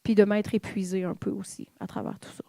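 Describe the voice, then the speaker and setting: Fairly quick and flat in delivery, a woman with a creaky, dark, mid-range voice and a Québécois French accent speaks to a church in Quebec. Her personal testimony sermon is candid and confiding, aimed straight at the congregation. No echo is present.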